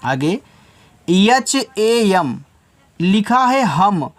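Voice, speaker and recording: Male teacher, patient, spells letter by letter at a slow pace for young learners. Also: high voice. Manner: spells out letters slowly, patient, talks to children. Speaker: English reading teacher. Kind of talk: spelling lesson for beginners.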